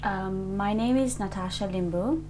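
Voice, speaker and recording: A woman's voice: mid-range voice, unhurried, darkish tone, slight background noise, poor audio. A woman in her twenties from Nepal, answering an oral history interview hesitantly, with many fillers and restarts. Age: 20s.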